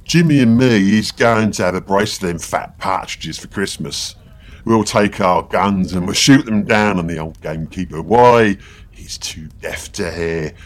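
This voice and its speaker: A woman voicing a boastful, drunken young male poacher who slurs his words and brags loudly in a told story. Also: rumbling low, a little slow, pitched below the performer's own voice. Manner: slurring, loud bragging. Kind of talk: storytelling podcast.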